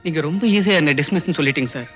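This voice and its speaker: A man's voice: on the high side, racing, close to an everyday voice. A man playing an earnest wounded young student. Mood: pleading. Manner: pleading, repeats his phrases solemnly. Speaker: college student. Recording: dull old film soundtrack with music.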